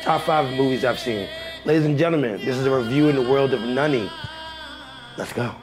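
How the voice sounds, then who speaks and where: A young man reviewing a movie in a casual, excitable chat, joking and swearing freely. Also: medium pitch, moderate pace. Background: music.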